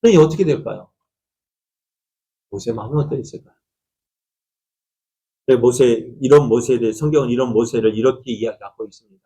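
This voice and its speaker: A middle-aged man preaching a sermon as pastor, often asking the congregation questions and acting out quoted lines with a rising, animated voice. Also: medium pitch, fairly quick, long pauses, breathy edge.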